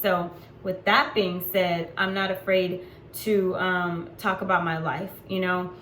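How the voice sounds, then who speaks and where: A woman's voice: fairly low pitch, flat delivery, slow, a bit bright. A woman in her forties talking to camera in a casual vlog, chatty and unfiltered, with frequent ums. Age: 40s. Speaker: vlogger. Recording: echoey room with faint background noise.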